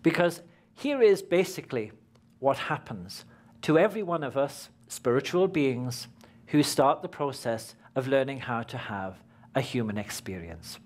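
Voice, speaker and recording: British man, spiritual teacher, live workshop talk, slow emphatic delivery, frequent whispers, medium pitch. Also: lively intonation. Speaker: spiritual teacher giving a seminar.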